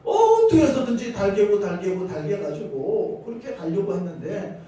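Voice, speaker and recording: A man's voice: high voice, big pitch swings, normal speed, dark tone. A male pastor preaching a sermon, telling the story animatedly and asking the congregation questions. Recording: echoey church hall, distant mic, faint noise.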